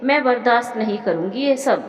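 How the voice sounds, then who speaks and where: A woman's voice: a little high, lively intonation, normal speed, close to an everyday voice. A woman voicing a doting, meddling middle-aged mother who fusses over her daughter on the phone, in a long echoing reverb. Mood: indignant. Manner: fussing, comforting, tearful.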